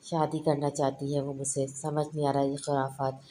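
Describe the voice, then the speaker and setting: A stern older man of the house, boiling with anger and spitting out threats through clenched teeth, as a woman reads him in a storybook. The voice sits extremely low and flat, and dark in tone. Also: normal speed, slight background noise. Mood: seething anger. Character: furious stern older man, head of family.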